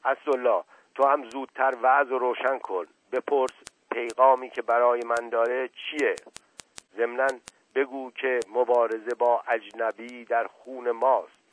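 A man's voice: medium pitch, little pitch movement, close to an everyday voice. A man playing a stern, irritable old colonel. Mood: hushed angry. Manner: stern, clipped commands. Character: older male retired colonel, proud and irritable. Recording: tinny dry radio broadcast.

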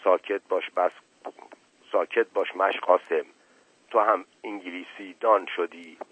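A man's voice: mid-range voice, steady tone, no echo, natural voice. A man voicing a proud, irritable older retired colonel who gives clipped commands, heard on a tinny, dry radio broadcast. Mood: hushed stern.

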